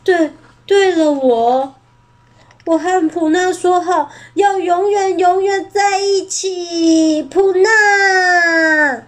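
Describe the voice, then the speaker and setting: A woman voicing a timid, gentle male tyrannosaurus in a storybook, stammering and tearful. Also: extremely high pitch, fairly even intonation, extremely slow, voice pushed up, full character voice. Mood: resolute.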